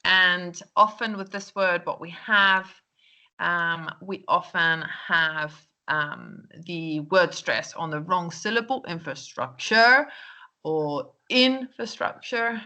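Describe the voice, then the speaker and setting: A woman records feedback for her English class. Her voice is bright and crisp, and she keeps checking in with "okay?" and "um". She speaks into a computer mic while going over a screen. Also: lowish voice, slow pace. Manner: chatty, lots of "um" and "okay?", laughs at herself. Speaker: English teacher.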